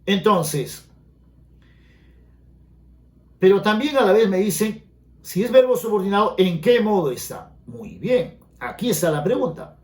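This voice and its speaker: A man explains grammar to exam students in a high, clear voice, pausing often to check that his class is following. The sound carries a noticeable room echo. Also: big pitch swings. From Peru. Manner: explanatory, asks students frequent check questions. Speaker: grammar teacher. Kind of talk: exam-prep grammar lesson.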